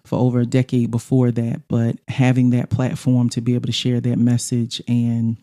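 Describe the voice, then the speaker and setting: A woman's voice: a bass voice, monotone, moderate pace, mellow. A middle-aged woman co-hosting a casual podcast chat in a studio, talkative and laughing often. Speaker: podcast co-host.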